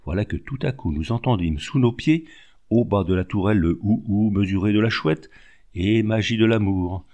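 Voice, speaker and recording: A man with a fairly low voice narrates a classic novel in a measured, expressive audiobook reading. He takes his time, lifting his voice for quoted speech. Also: lo-fi sound. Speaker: audiobook reader.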